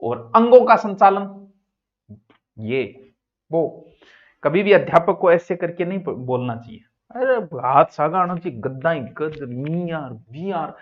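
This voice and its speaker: Animated Hindi coaching teacher, man. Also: on the high side, unhurried, highs cut off. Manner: lively, jokey, swings between loud and soft. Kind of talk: exam coaching lecture.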